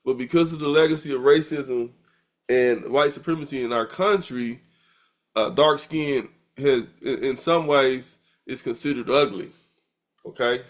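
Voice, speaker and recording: A middle-aged American man delivering a university lecture in an easygoing, conversational style. His voice sits at an ordinary male pitch, and he often doubles back on words, restarting phrases as he thinks aloud. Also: unhurried. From United States. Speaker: university professor. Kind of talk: recorded lecture.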